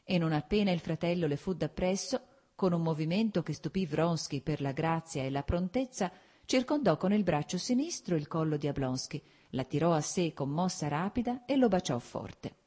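Low, husky woman narrating a novel. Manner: measured, expressive reading. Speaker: audiobook narrator. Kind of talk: literary audiobook narration.

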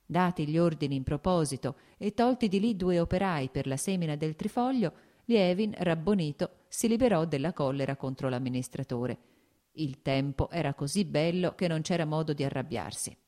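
Low-voiced woman reading a novel aloud. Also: expressive, moderate pace, mellow. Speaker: audiobook narrator. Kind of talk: scripted literary narration.

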